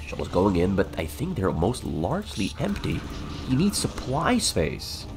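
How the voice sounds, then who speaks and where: A man's voice: fairly low pitch, wildly swooping pitch, unhurried, soft background music. A man with a stuffy, flu-ridden nose commentating a game as an esports caster, calling the play in short clipped phrases.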